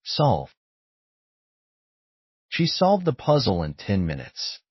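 Slow, deliberate male vocabulary reader. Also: lowish voice, huge pitch swings, breathy edge, no echo, muffled recording. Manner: measured, deliberate enunciation. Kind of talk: slow scripted word-and-sentence reading.

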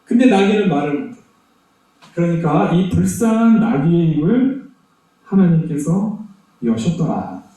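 A man preaches a children's Sunday sermon in a high, mellow voice, and he repeats points with emphatic energy. He is recorded from far off in a church sanctuary with very heavy echo. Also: measured pace, long pauses. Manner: animated storyteller, emphatic repetition. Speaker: pastor.

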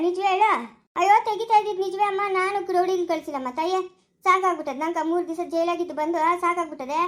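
Woman doing a bickering village auntie in a family skit, super high voice, talks fast. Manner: scolding, bickering. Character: quarrelsome sharp-tongued village woman.

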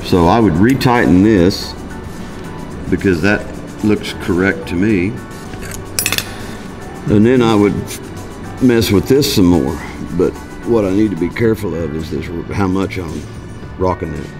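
A man in his fifties with a deep voice teaches welding in a large metal workshop, speaking a little slowly and pausing often. As a welding instructor giving a hands-on shop demonstration, he talks in a folksy, plainspoken manner while working and thinking aloud, over a music bed.

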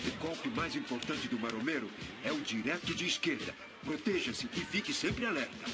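An actor playing a steady, reassuring boxing trainer in a dubbed TV drama, giving advice. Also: male voice, fairly high pitch, normal speed, lightly acted. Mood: calm, focused. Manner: reassuring, advising. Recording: loud music behind the voice.

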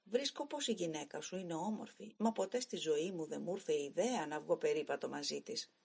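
A woman's voice: deep voice, vocal fry, a little mellow, breathy edge, full character voice. A woman voicing an old retired male train engineer who tells his story in a grave, plain-spoken way. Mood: angry.

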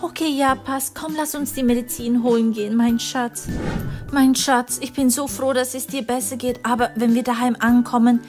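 A woman voicing a doting, worried mother in a kids' animated story. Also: on the high side, moderate pace, soft background music, lightly acted. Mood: fretful. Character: fussy caring mother.

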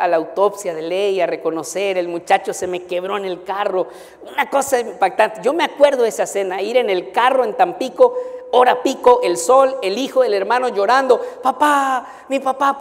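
A man with a Mexican accent, a pastor telling a story in a sermon, dramatic and emotional, swinging between loud urgency and hushed sorrow. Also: sits high. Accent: Mexican Spanish. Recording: long hall reverb.

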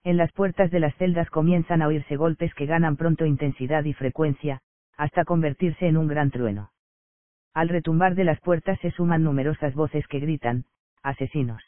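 Un hombre que lee en voz alta una obra de teatro, incluidas las acotaciones, con tono llano y parejo. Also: male voice, a little high, fairly even intonation, normal speed, no room sound. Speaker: audiobook narrator. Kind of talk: reading a stage play aloud. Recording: dry, tinny phone-like sound.

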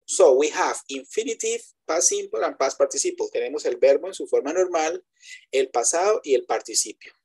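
A man's voice: a little high, lively intonation, normal speed, darkish tone, slightly rough. A man teaching English in a web class, explaining step by step in Spanish and checking often that students follow. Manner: switches between Spanish explanation and English examples. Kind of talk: online class lecture. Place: web conference.

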